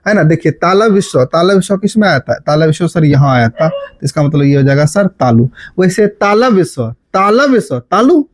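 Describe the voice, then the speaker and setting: This man's voice is on the high side, at a normal speed and without echo. Teaching grammar with energy, the Bihar, India native repeats key terms, sings out memory formulas, and quizzes students with "बात समझ रहे हैं?".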